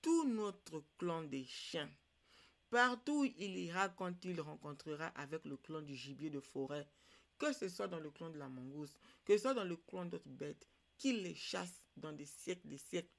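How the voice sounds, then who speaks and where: A storyteller voicing a stubborn, proud dog in a folk tale, with a raised, grumbling, excited voice. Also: mid-range voice, measured pace, vocal fry. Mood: solemn. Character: stubborn proud dog who refuses to leave.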